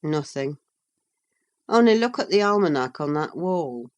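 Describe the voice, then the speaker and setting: A woman's voice: low voice, lively intonation, measured pace. A woman reading a sullen, stubborn young man. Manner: blunt and stubborn.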